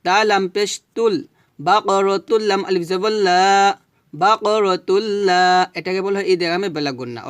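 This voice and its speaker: A man teaching Quran recitation, spelling out Arabic syllables slowly and correcting pronunciation. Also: sits high, no echo, clean studio sound.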